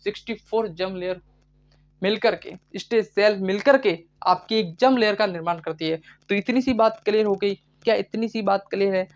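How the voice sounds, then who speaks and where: A man's voice: high voice, moderate pace, lo-fi sound. Man drilling terms in a lecture. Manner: repeats questions and answers them himself, drilling terms; chatty, addresses students as bhai. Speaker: biology teacher. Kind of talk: live online lecture.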